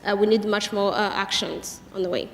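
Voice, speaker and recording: A woman's voice: mid-range voice, steady tone, fairly quick, creaky, echoey room, long reverb tail. A young woman from Rwanda, a youth climate advocate on a panel, speaking earnestly and steadily.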